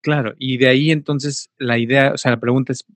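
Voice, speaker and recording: A man's voice: medium pitch, fairly even intonation, fairly quick, dry recording. Man asking hesitant questions. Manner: hesitant, frequent affirming "ujú". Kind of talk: casual conversation.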